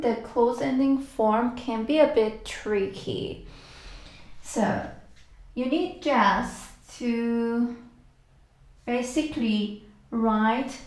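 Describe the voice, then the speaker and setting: A woman teaching a language lesson, slowly repeating each word and letter for practice. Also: a little high, roomy sound. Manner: patient, repeats words for practice. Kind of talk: slow step-by-step alphabet lesson.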